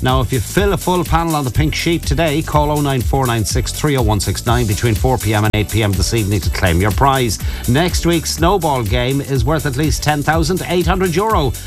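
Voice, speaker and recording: A man in the role of radio bingo caller. He announces numbers deliberately, digit by digit, in a mid-pitched voice. Music plays clearly underneath him. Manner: measured, repeats numbers digit by digit. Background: music bed.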